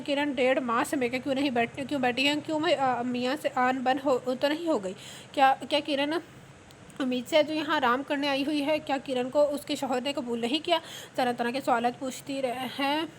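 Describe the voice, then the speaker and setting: A woman reads a worried elder sister-in-law who scolds and rambles about family gossip. The voice is high, with a faint room hiss behind it, like a storybook read aloud. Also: steady tone, fairly quick, lightly acted. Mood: scolding.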